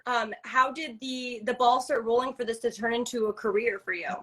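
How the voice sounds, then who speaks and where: Bright, high-voiced woman host. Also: fairly even intonation, normal speed. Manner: upbeat, enthusiastic. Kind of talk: live stream interview hosting.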